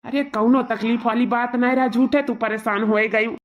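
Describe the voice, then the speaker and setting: This is a young cartoon husband, caring but a little bossy, with a Bhojpuri accent, voiced by a woman. His voice sits a little high for a man, and he talks in a fussing, commanding way. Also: fairly even intonation, moderate pace, lo-fi sound, natural voice. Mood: grumbling.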